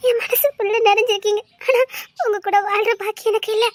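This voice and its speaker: A tearful young sister in a home-made drama, voiced by a woman, pleading through her crying. Her voice is extremely high, and the recording is dry and close to the mic. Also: flat delivery, brisk, no room sound. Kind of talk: amateur drama dialogue.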